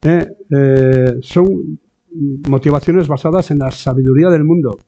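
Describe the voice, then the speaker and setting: Man, preacher, conversational sermon, tag questions, slightly high mellow voice, dull lo-fi recording. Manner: acts out quoted voices. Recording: dull lo-fi sound.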